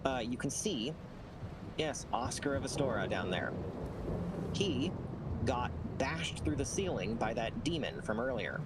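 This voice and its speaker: A man casually guiding another player through a video game, giving patient, measured explanations and instructions. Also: medium pitch, animated, heavy background noise. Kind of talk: casual game walkthrough chat.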